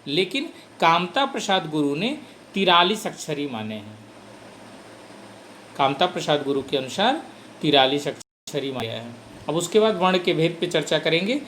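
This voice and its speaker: A man's voice: fairly high pitch, moderate pace, a little hiss or hum. A male teacher giving a grammar lesson, asking questions and answering them himself. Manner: lively, animated delivery.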